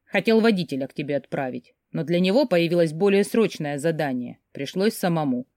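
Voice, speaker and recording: A woman reading an audiobook, voicing a busy young man who speaks briskly and in a hurry. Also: deep voice, lively intonation, a little mellow, dry recording, studio quality. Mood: hurried. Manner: brisk, clipped and hurried.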